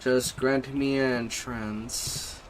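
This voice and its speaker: A man's voice: medium pitch, steady tone, very slow, background noise. A man giving casual gameplay commentary as he plays, in short offhand remarks. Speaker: game player.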